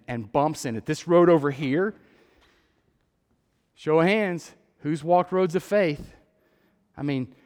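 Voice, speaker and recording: Texan guy preaching, kinda high voice, big hall reverb, gets loud and repeats himself. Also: clear, resonant tone. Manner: earnest, repeats words, rises to loud emphatic peaks. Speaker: lay preacher. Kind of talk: sermon-style testimony.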